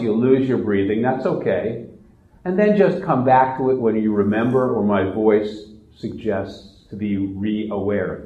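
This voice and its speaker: A man leading a guided relaxation meditation in a slow, soft, soothing manner. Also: medium pitch, reverberant, highs cut off, slight background noise.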